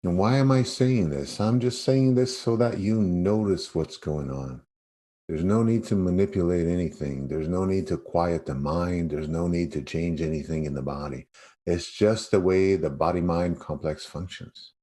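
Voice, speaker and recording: Leading a yoga nidra guided meditation, this man takes his time and leaves spacious pauses between phrases. He has a low voice with a dark tone.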